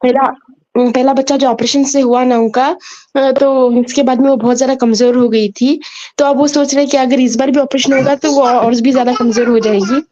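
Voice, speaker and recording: A woman calling in with a question, explaining haltingly and repeating herself while her phone connection keeps cutting out. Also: high voice, steady tone, mellow, dry recording. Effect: breaking-up phone connection. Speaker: caller. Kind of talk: phoning in a question to a scholar. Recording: dull lo-fi phone line.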